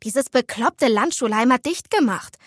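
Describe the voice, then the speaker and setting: A woman voicing a lively, chatty teenage schoolgirl in a storybook, talking quickly and dramatically. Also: a little high, no room sound, clean studio sound. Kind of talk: storybook dialogue.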